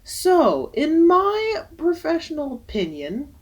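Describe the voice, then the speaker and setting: A woman's voice: high voice, huge pitch swings, slow pace, darkish tone. A young woman who works as a waxer, giving casual, emphatic advice with jokey asides in a vlog.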